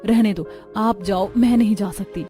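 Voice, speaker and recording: A woman voicing a modest young village bride in a narrated family story, speaking gently and politely. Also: mid-range voice, moderate pace, soft background music, close to an everyday voice. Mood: gentle.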